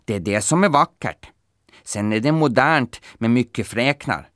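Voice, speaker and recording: A man's voice: mid-range voice, expressive, fairly bright tone, dry recording, studio quality, close to an everyday voice. A man voicing a helpful talking wolf in a storybook, patiently explaining things.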